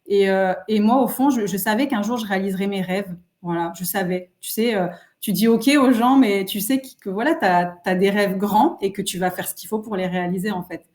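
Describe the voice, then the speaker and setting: A woman in her 30s appears as a guest entrepreneur in a casual interview, speaking earnestly and reflectively with many fillers. Her voice is medium-pitched and darkish, and she talks a little fast.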